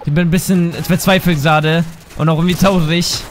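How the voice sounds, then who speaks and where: A man's voice: a little high, fairly even intonation, brisk, a little hiss or hum. A man commentating his own shooter game in a casual, frustrated way, swearing and thinking aloud. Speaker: gaming commentator. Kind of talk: casual let's play commentary. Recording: game gunfire behind the voice. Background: game gunfire and sound effects.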